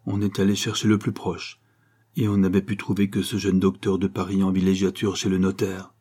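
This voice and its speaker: A man reading a literary story aloud as narrator, measured and expressive. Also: sits low, slightly rough.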